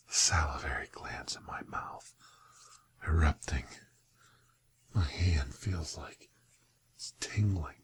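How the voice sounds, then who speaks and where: A man plays a sly interrogator in a whispered ASMR role-play. His voice is low and often drops to a whisper. He questions and bargains very slowly, as a coaxing, menacing time-travelling doctor. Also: a bit bright, full character voice. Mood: tormented, entranced.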